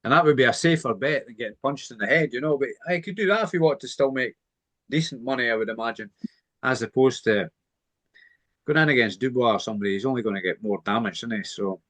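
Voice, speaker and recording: A man's voice: medium pitch, fast, fairly bright tone, no room sound. A man hosting a boxing chat, easygoing and jokey, on a video call. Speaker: host. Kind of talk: casual panel chat.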